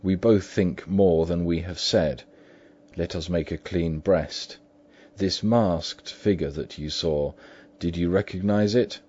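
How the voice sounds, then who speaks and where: A man voicing a middle-aged gentleman lawyer who speaks formally and deliberately. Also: deep voice, slightly rough, heavily acted. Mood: grave. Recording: dull lo-fi recording.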